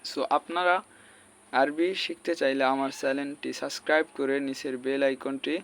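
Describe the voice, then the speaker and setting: A man teaching Arabic letter pronunciation, chanting each drill in a steady, repeating cadence with short explanations in between. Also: medium pitch, moderate pace. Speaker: Quran recitation teacher. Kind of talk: slow drill-style Arabic letter lesson.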